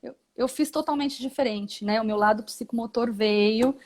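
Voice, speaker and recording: A woman's voice: a little high, moderate pace, a little mellow. A Brazilian woman, a physiotherapist and mother, explaining her path in a live interview, reflective, with many tag questions. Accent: Brazilian Portuguese.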